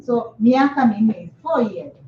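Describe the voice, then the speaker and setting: Woman, Swahili teacher, fairly high voice, patient slow modelling, echoey room, distant dull mic. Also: animated. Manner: patient, repeats words slowly for the learner. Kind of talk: language lesson, modelling words. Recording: roomy, distant, dull sound with faint hiss.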